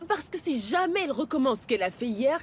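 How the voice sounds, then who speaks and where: Very high, indignant female neighbour. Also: very animated, fast talker, a little hiss or hum. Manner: emphatic, indignant. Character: indignant, complaining young female neighbour, combative and dramatic. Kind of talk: dubbed comedy-drama acting.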